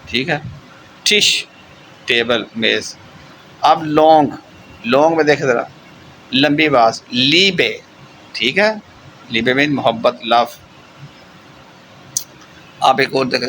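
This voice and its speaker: A man gives an online German lesson with a bright, clear tone, drawing out words slowly and pausing often to check that students follow. Faint traffic hums in the background. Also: mid-range voice, poor audio. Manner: slow, drawn-out explaining with frequent "theek hai" check-ins. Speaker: German teacher.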